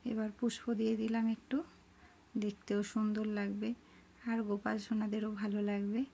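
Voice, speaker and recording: A middle-aged woman narrating her cooking and home worship step by step in a soft, homely way. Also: medium pitch, flat delivery, moderate pace, vocal fry, a little hiss or hum. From rural Bengal. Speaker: cooking and devotional vlogger.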